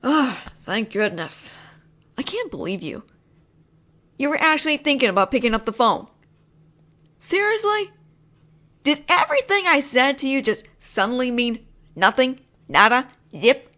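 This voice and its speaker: A voice actress performs a one-sided audio roleplay, addressing the listener directly as a frustrated, possessive roommate who is insistent and teasing. Her high, sharp-toned voice is very animated. She speaks a little slowly and pauses often.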